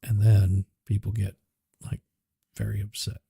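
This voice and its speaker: Here a male livestream host makes easygoing small talk and mutters while adjusting his audio through a cheap USB mic. His lowish voice is monotone, gravelly, warm and husky. The recording is dry, with clean studio sound.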